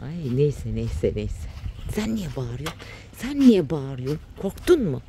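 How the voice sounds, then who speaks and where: A woman's voice: rumbling low, big pitch swings, a little slow, warm tone. A woman chatting casually in a family vlog, teasing and talkative, sometimes dropping to a whisper. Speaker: vlogger mother. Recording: noisy outdoor background.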